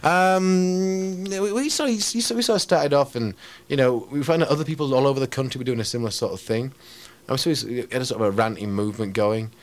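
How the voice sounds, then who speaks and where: A man's voice: medium pitch, fairly even intonation, brisk. A middle-aged man, a ranting poet talking in a radio interview, brash and rambling with many restarts. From England.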